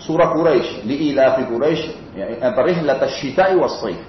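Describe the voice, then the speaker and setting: Animated male preacher in an echoey mosque. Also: mid-range voice, normal speed, a little hiss or hum. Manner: animated, dramatic retelling with casual spoken asides. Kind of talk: storytelling sermon. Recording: roomy, slightly dull mosque recording.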